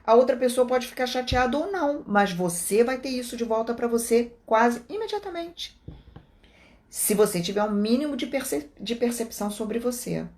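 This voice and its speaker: A woman with a Brazilian Portuguese accent, a meditation teacher calmly explaining her guided meditation cues in a live talk, slowing down when she quotes them. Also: fairly high pitch. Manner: calm, explanatory, speaks slowly when quoting meditation cues.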